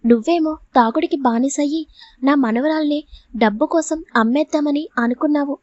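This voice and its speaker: A woman's voice: high voice, no room sound, close to an everyday voice. A woman reading as a stern protective grandmother. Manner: scolding, tearful pleading. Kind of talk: storybook reading. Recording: dull lo-fi audio.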